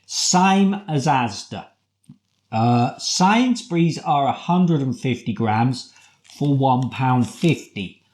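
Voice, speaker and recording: British man, slow-paced casual food reviewer. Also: mid-range voice, expressive, darkish tone. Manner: chatty, deliberate, with rhetorical questions. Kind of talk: casual product review talk.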